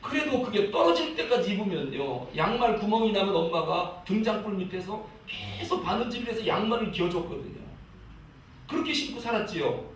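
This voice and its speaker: Middle-aged man preaching, high-ish voice, acts out whiny prayers, big church echo. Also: a little fast, slight background noise. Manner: animated, mimics pleading prayers. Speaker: pastor. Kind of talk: sermon. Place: church sanctuary. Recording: echoey church hall, distant mic.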